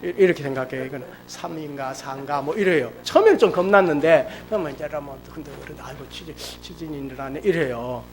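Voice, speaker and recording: A middle-aged man preaching a sermon at a church service, telling a personal story with lively, acted-out storytelling. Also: on the high side, fast, few pauses. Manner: animated storytelling, acts out quoted speech. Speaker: pastor. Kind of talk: sermon testimony.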